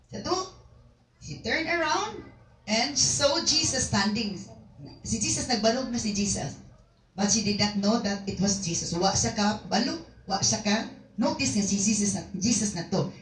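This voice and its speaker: Woman preacher, higher voice, roomy sound. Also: a little hiss or hum. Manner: mixes Cebuano and English, reads verses aloud then explains. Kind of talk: sermon. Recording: echoey room, mic at a distance.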